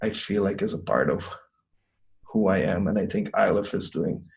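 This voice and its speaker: Earnest young man, lower voice. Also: normal speed, gravelly, darkish tone, poor audio. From Guyana. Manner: earnest, reflective, many ums and restarts. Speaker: seminary student. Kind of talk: testimonial interview. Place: small room indoors.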